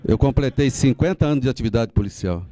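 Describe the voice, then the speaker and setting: A man with a warm, medium-pitched voice, lively intonation, and fast delivery speaks in a dry recording. He plays a tired seventy-year-old Brazilian man, a retired police officer and association advocate, giving a rambling, sentimental, informal address to a meeting.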